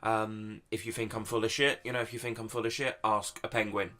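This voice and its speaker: A man's voice: lowish voice, level tone, fairly quick, pushed and bright. A man from England, delivering a crude, swearing comedy rant in a mock-serious tone. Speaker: YouTube comedian answering online questions.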